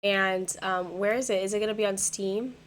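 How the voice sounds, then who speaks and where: A young woman streamer with a hoarse, worn-out voice chats casually with viewers from her home setup, rambling and repeating herself with lots of fillers. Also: medium pitch, fairly even intonation, normal speed. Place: home gaming room.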